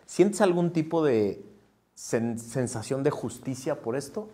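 A man's voice: mid-range voice, lively intonation, a little slow, warm tone. A man conducting an interview, summing up and asking reflective questions.

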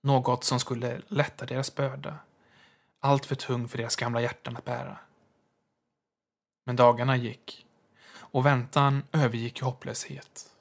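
Hushed male storyteller. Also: medium pitch, level tone, gravelly, long pauses. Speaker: narrator. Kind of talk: scripted narration of a horror story.

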